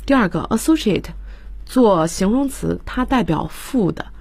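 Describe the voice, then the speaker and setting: A woman's voice: mid-range voice, animated, unhurried, creaky, a little mellow, slightly rough, no room sound. A woman teaching English vocabulary on a radio lesson, explaining patiently and spelling words out letter by letter. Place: radio studio.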